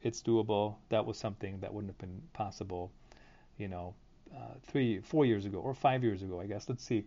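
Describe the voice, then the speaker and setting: A man's voice: on the low side, moderate pace, dark tone. A man hosting a casual solo live stream, thinking aloud informally, recorded through phone headphones used as a mic. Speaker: podcast and live stream host. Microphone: phone headset, headphones used as mic. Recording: dull lo-fi phone headset audio.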